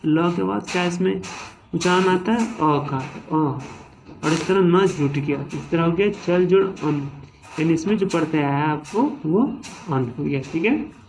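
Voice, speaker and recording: A man's voice: on the high side, measured pace, creaky, darkish tone, a little hiss or hum. A man teaching a grammar lesson, breaking words apart syllable by syllable and checking in with his students again and again. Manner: repetitive, frequent "ठीक है" and "है ना" check-ins. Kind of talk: classroom-style lesson.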